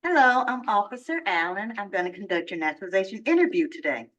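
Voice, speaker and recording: An actress plays a formal immigration officer conducting an interview in a measured, procedural manner. Her female voice is medium-pitched, sing-song and a bit bright. The sound comes from a video played at a distance, with the highs cut off.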